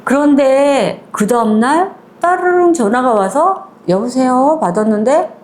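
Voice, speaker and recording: A woman's voice: medium pitch, animated, moderate pace, a little mellow. A woman retelling a short story in a conversational, chatty way, moving between polite and casual speech and acting out the quoted lines. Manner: acts out quoted lines in small voices.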